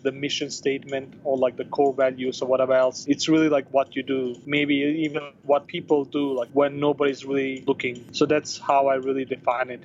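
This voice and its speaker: A man speaks casually as an interview guest. His phrasing is loose and halting, at a middling pitch, over a slightly muffled recording with faint noise. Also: darkish tone. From Bosnia-born, grew up in Denmark. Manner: informal, hesitant phrasing peppered with "like". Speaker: interview guest, tech company founder.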